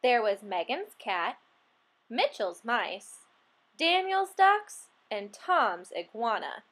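A woman reading a children's picture book aloud, expressive and playful, acting out the animal sounds. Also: on the high side, slow pace. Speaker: storybook reader.

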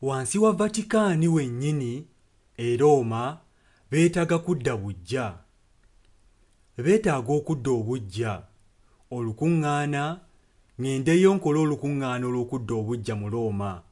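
Over background music, this Ugandan man renders a sermon phrase by phrase in earnest consecutive translation. He has a mid-range, darkish voice, animated in delivery and paced at a normal speed.

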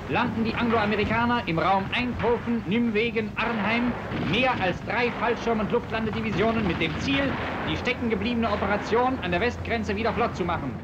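A man's voice: high-pitched, brisk, dull audio, heavy background noise. A man reading 1940s wartime newsreel narration in a solemn, stirring propaganda tone, as heard on an old newsreel soundtrack.

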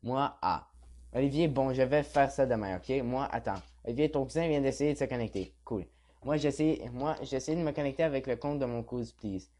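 Young quebec french dude reading chat logs out loud, mumbly, swears a lot. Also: male voice, mid-range voice, brisk. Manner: casual, mumbly, offhand swearing. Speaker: gaming vlogger. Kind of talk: reading a chat log aloud.

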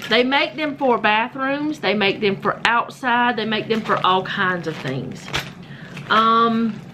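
A home vlogger with a slightly high voice speaks slowly as she chats casually indoors, showing household items while filming on a handheld phone. She rambles and corrects herself as she goes, with background noise present.

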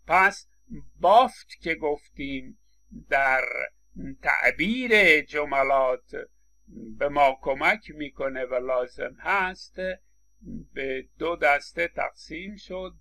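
A man's voice: fairly high pitch, gravelly, pushed and bright. A man giving a recorded lecture, explaining with examples, acting out short quotes and often stammering on restarts. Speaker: linguistics lecturer.

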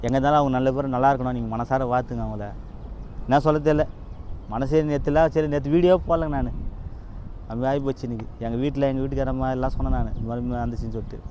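Earnest fast-talking man pleading outdoors. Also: mid-range voice, fairly even intonation, mellow, slight background noise. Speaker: used car dealer. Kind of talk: emotional direct-to-camera appeal.

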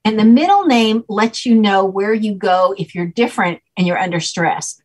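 Over a rough-sounding video call from home, an older woman with a mid-range voice serves as an expert guest. She explains things at length in a patient, teacherly manner, repeatedly checking in with "okay?"

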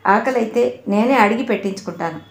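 A woman reading as a gentle young rich woman. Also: mid-range voice, a little fast, creaky, roomy sound, close to an everyday voice. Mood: cheerful.

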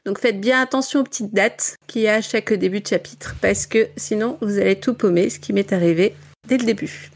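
A French woman chats through a book recommendation with a podcast group, rambling and full of hesitations. Her voice sits at a middle pitch and she keeps it relaxed and conversational. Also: brisk, gravelly, slightly rough. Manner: chatty, many fillers, laughs often. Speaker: book club member presenting a novel. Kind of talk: casual book club chat.

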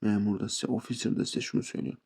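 A man's voice: fairly low pitch, little pitch movement, very fast, vocal fry, darkish tone, husky. A man teaching a casual spoken language lesson, chatting to viewers as friends with playful asides. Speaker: English teacher.

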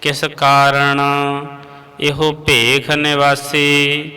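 A man, teaching scripture by chanting each line slowly and stopping to correct pronunciation. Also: on the high side, monotone, sharp tone, big-room sound, low-quality recording. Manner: slow measured chanting, breaks into quick spoken corrections.

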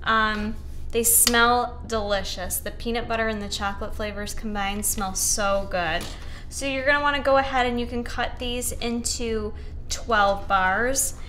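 A woman's voice: a little high, fairly even intonation, measured pace, bright, forceful tone, slight background noise. A young woman hosting a casual cooking show in her home kitchen, chatting and encouraging viewers as she mixes and cuts. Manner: chatty and encouraging, talks while mixing and cutting.

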